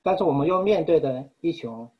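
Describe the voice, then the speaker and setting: A man preaching a sermon in an earnest, measured way, pausing often. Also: fairly high pitch, animated, slightly rough, lo-fi sound. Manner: earnest, measured, with frequent pauses.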